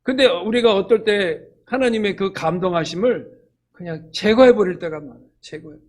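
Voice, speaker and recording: An older man preaches with a high, husky voice. He tells stories animatedly and slips into quoted voices to act out dialogue. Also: moderate pace. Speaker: church elder preaching. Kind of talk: sermon.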